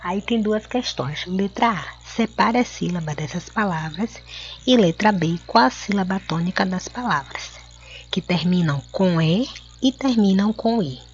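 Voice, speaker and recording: A woman teacher with a Brazilian accent, going through a lesson slowly and clearly for children and drawing out words syllable by syllable. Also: mid-range voice, animated. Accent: Brazilian Portuguese. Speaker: schoolteacher. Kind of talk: recorded classroom lesson. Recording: dull lo-fi home recording.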